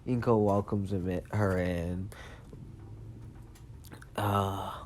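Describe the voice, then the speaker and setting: Slow rambling man telling a story. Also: deep voice, fairly even intonation, darkish tone, slight background noise. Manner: rambling, many fillers and self-corrections. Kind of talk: casual retelling of a fan story.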